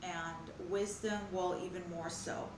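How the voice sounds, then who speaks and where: A woman's voice: lowish voice, fairly even intonation, takes it slowly, reverberant, noisy background. A woman chatting casually in a vlog while eating, earnest and rambling, sometimes talking with her mouth full. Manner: earnest, rambling, spiritual musing. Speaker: mukbang vlogger. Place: home, at a glass table.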